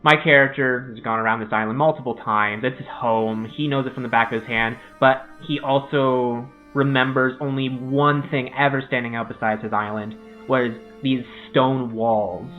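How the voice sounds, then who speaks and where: A man's voice: medium pitch, steady tone, moderate pace, few pauses. A man playing a tabletop game, describing his character's actions in a rambling way. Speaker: player. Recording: tinny phone-like call audio with faint music.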